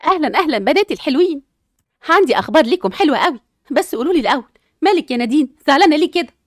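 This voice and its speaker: A cheerful, doting mother with an Egyptian accent and a high, sing-song voice that bounces all over, voiced by a woman. She rattles her lines off quickly in a dry, close recording. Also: expressive, no echo.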